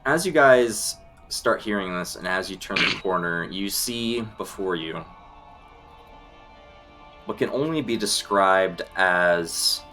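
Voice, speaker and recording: A man running a tabletop game as game master, setting scenes in a deliberate, descriptive way. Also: low voice, lively intonation, pushed and bright. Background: background music.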